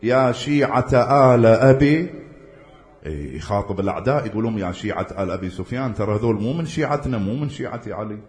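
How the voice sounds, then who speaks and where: A man preaching a religious sermon, emphatic and declaiming loudly at his peaks. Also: fairly low pitch, animated, fast. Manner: emphatic, rising to loud declamation when quoting.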